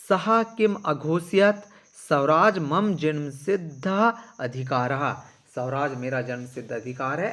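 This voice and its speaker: A male teacher walking children through a Sanskrit school lesson in casual classroom explanation. He reads verses slowly and then explains them quickly, speaking to the children directly. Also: medium pitch, a bit bright.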